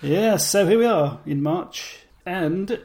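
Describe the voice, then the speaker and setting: A man's voice: sits high, animated, slow, a little mellow. A man co-hosting a casual podcast, reading listener letters aloud with dry, jokey asides. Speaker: podcast co-host.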